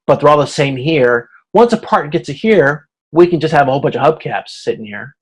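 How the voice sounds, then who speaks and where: Here the instructor's voice sits on the high side, brisk, animated and slightly rough. He's giving a casual online lecture on slides, moving step by step with some hesitation and checking for understanding.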